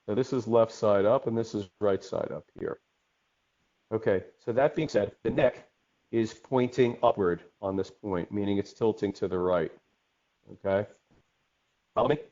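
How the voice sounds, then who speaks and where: Low-voiced man teaching over lo-fi audio. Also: normal speed, pauses often, mellow. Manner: conversational, checks in with frequent "okay?". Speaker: instructor. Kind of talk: online webinar teaching. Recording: dull lo-fi webinar audio.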